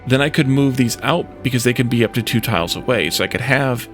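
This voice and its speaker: A man talks fast in a mid-range voice as he hosts a let's play with soft music behind him. He thinks aloud about his game choices, muttering in brief, hesitant bits.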